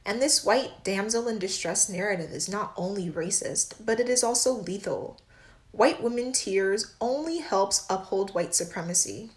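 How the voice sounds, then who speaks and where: A woman delivering angry, forceful social media commentary. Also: medium pitch, expressive, normal speed.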